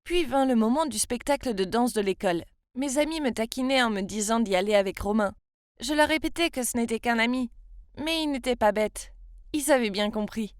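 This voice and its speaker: Woman in her twenties from France, brightish voice, confiding storybook narrator, dry close mic. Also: a little high, fairly quick, clear, resonant tone, dry recording. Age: 20s. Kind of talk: scripted first-person storytelling.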